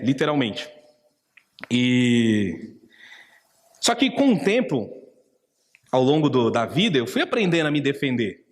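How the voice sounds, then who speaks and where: A man's voice: fairly high pitch, long reverb tail. A man with a Brazilian Portuguese accent preaching a sermon as a pastor, acting out inner voices and asking rhetorical questions.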